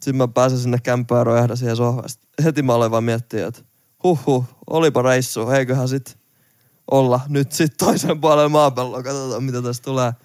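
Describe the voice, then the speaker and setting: A young man from Finland, a podcast co-host telling a travel story in casual chat, lively and laughing, with some swearing. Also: mid-range voice, clean tone, dry recording, studio quality.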